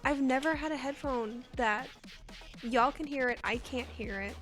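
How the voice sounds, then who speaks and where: A woman's voice: sits high, moderate pace, a bit bright, faint music behind. A woman streamer in casual live-stream chat, chatty and self-mocking, laughing often and swearing casually.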